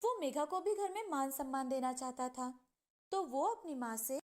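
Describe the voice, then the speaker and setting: A woman's voice: high-pitched, animated, normal speed. A woman narrating a cartoon story and voicing all its female figures herself.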